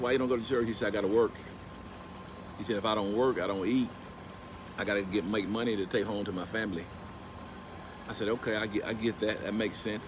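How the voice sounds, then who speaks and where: A middle-aged man with a lowish voice films himself on a phone held at arm's length beside a house's pool, telling a story vlog-style. When he quotes scripture his animated storytelling turns into emphatic preaching. The outdoor recording carries steady background noise.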